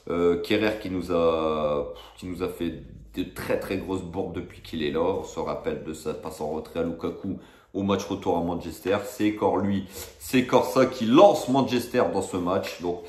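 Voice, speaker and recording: Low-voiced man in an exasperated comic rant. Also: normal speed, a little mellow. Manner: escalating, comic exaggeration with blunt slang; emphatic, repeats key phrases. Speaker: football fan commentator. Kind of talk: exasperated football rant, casual direct address to viewers. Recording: echoey, roomy sound.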